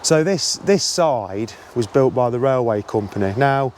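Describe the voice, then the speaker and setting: A man's voice: medium pitch, expressive, a little slow, darkish tone, a little hiss or hum. A man with an English East Midlands accent hosting a casual history vlog under a bridge, chatty and enthusiastic as a local guide. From Leicestershire, England. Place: outdoors beneath an old railway bridge.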